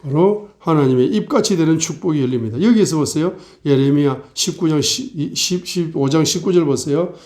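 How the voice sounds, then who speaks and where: Delivering his sermon a little fast with few pauses, this middle-aged pastor has a voice on the high side with a darkish tone. He puts rhetorical questions to the congregation and imitates people mocking and complaining.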